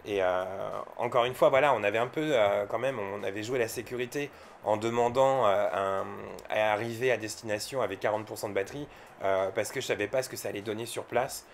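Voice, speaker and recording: This man from France talks fairly quickly in a lowish voice as he gives offhand vlog commentary about owning an electric car. He explains things informally and a bit hesitantly, and there's slight hiss or hum in the audio.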